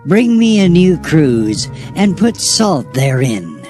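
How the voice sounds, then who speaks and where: A man's voice: a little high, big pitch swings, slow, a little mellow, faint music behind. A man voicing a devoted young prophet, earnest and pleading, drawing out his words.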